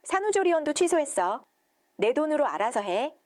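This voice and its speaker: A woman's voice: high voice, sing-song, moderate pace, a little mellow, dry recording, clean studio sound, pitched above the performer's own voice. A woman reading the lines of a cold, stern older mother-in-law, curt and icy.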